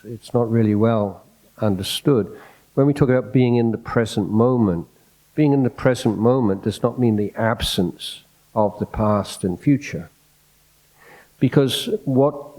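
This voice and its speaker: A soft-spoken Buddhist monk with a medium-pitched voice gives an unscripted dhamma talk, picked up by a microphone in a hall. He sounds reflective and hesitant and frequently restarts his phrases.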